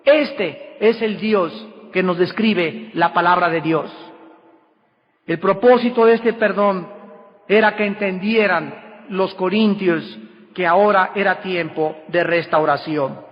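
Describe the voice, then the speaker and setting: High-voiced emphatic preacher in a reverberant hall. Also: male voice. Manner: emphatic preaching with sudden rises and slow drawn-out words. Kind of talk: sermon. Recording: dull lo-fi recording with long hall reverb.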